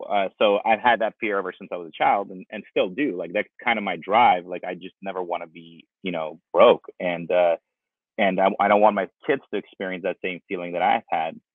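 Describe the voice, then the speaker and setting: Speaking a little fast in a low voice with fairly even intonation, this guest, a company founder in his forties who was born in Russia, rambles through interview answers full of fillers and restarts. He's on a video call from an outdoor patio using wireless earbuds. There's no room sound, and the audio is dry and thin, much like a phone.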